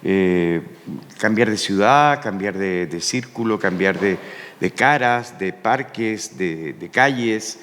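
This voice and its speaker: A Chilean poet on a panel speaks slowly in a lowish, fairly bright voice with lively intonation. He muses reflectively, frequently tossing in a rhetorical "¿no?" to check in with listeners. The recording has a long hall reverb.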